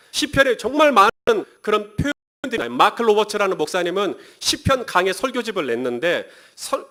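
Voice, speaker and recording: A man delivers a sermon from a church pulpit, and his voice rides a fairly high, very animated pitch. He talks to the congregation directly and keeps asking them rhetorical questions. When he reads scripture, he slows right down. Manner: reads scripture aloud slowly. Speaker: pastor. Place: church sanctuary.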